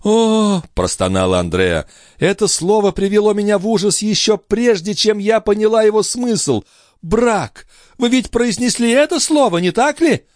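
A man voicing a proud young noblewoman, distraught and furious, crying out in a raised falsetto. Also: lively intonation, fairly quick, few pauses, no echo, studio quality, lightly acted. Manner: shrieking, sobbing cries in a raised falsetto. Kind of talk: dramatic audiobook reading.

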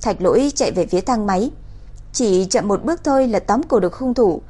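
Woman, audiobook narrator, even steady delivery, mid pitch. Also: fairly quick, slightly rough.

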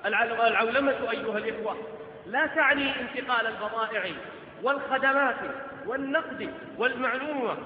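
A man preaching a Friday sermon in declamatory oratory, swinging between hushed lines and loud, ringing proclamations with emphatic repetition. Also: very high-pitched, fast talker, slight background noise. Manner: rhetorical questions and emphatic repetition. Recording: muffled recording in a hugely echoing hall.

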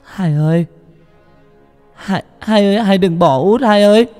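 A man's voice: sits high, a little fast, darkish tone, faint music behind, pitched above the performer's own voice, lightly acted. A man voicing a terrified youngest daughter, a small girl who stammers and sobs in a story read aloud. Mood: wailing. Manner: stammering, sobbing cries.

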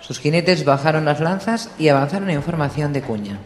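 A man's voice: fairly high pitch, expressive, fairly quick. Man narrating in an echoey room. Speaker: audiobook narrator. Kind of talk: audiobook reading. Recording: echoey room with long reverb, faint hiss.

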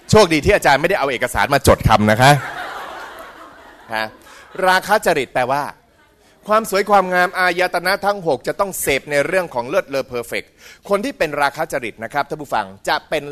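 Animated humorous male dharma lecturer. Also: a little high. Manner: animated, mimics voices for comic effect, often asks the audience. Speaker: Buddhist lecturer. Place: school hall.

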